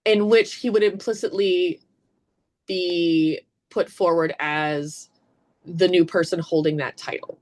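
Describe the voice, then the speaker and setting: A woman's voice: lowish voice, slow pace. Chatty woman podcaster thinking aloud. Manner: animated, thinks aloud with many "like"s. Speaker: podcast co-host. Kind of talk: casual book-club podcast discussion.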